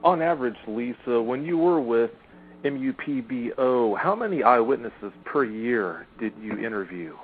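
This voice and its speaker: A man hosting a casual interview, calm and reflective, asking short questions. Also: medium pitch, normal speed, slight background noise. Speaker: podcast host. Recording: tinny phone-like sound.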